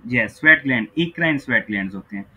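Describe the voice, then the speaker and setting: A man's voice: mid-range voice, lively intonation, fast, sharp tone, husky, muffled recording. A man giving an online physiology lecture who mixes Hindi-Urdu and English, asks students questions and keeps checking "ok, right?".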